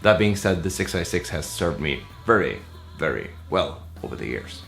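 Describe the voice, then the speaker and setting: Low-voiced man rambling through a Q&A. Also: moderate pace, creaky, faint music behind. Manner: relaxed, rambling with many fillers. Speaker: musician answering viewer questions. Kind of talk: casual Q&A vlog.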